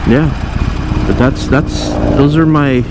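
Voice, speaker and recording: A man's voice: mid-range voice, fairly even intonation, slow. A man talking casually inside a motorcycle helmet while riding, rambling and thinking aloud with hesitant self-corrections. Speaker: motovlogger, stock trader. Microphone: mic inside a motorcycle helmet. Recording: helmet mic with engine and traffic noise. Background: engine and vehicle noise.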